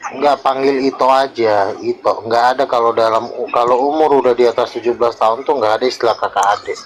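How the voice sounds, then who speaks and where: A man in his forties, a pastor, chatting calmly in a live stream and brushing off worries with short replies. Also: medium pitch, quick pace, rough recording. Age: 40s. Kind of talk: casual live-stream chat.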